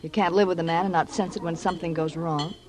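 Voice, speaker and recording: A woman's voice: lowish voice, fairly even intonation, quick pace, background noise, lightly acted. Anxious ex-actress wife, a woman acting, breathless and pleading, old radio broadcast sound. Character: anxious young wife, former actress, secretive. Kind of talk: 1940s radio drama acting.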